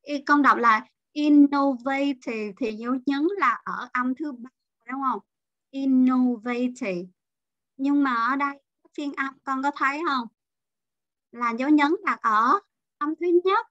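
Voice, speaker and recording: A woman's voice: high voice, a little slow, pushed and bright, dry recording, lo-fi sound. A woman teacher leading an online class, explaining vocabulary and patiently drilling pronunciation. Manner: drills pronunciation, mixes English terms into explanations.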